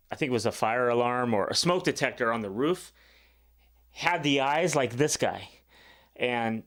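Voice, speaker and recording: A man hosts a reaction video with loose, casual commentary. His voice sits at a medium pitch, and he tells stories in an informal, slangy way as he rambles along. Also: fairly bright tone. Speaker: music reaction video host.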